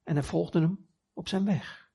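A man delivers a sermon as earnest storytelling, lending the quoted voices a bit of life. His voice is a touch high with a slightly husky edge, a little slow and mellow.

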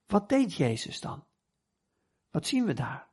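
A man's voice: high-pitched, very animated, takes it slowly, darkish tone, breathy edge. A man preaching a sermon, retelling scripture stories earnestly and acting out the voices in them. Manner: earnest storytelling, acts out quoted voices.

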